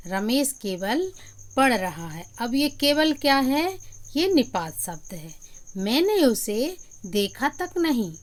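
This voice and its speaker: A woman with a fairly high voice teaches a grammar lesson to children. She talks to them directly, poses questions and answers them herself, and she leans on key words and repeats them to drive each point home. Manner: explanatory, asks questions then answers them. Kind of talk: classroom-style grammar lesson.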